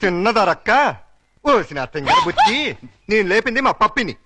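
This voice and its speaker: A man's voice: high voice, wildly swooping pitch, moderate pace, heavily acted. Bickering young father. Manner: quarrelsome banter, sudden loud calls. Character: bickering young father, quick-tempered and teasing. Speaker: young father in a pretend marriage. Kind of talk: film comedy scene.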